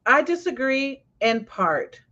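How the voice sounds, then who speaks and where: A woman hosting a casual talk show as a coach, telling stories with lively swings when she quotes people. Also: high-pitched, slow. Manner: animated storyteller, swings loud when quoting. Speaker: podcast host and coach. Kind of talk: casual chat. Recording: slightly dull lo-fi sound.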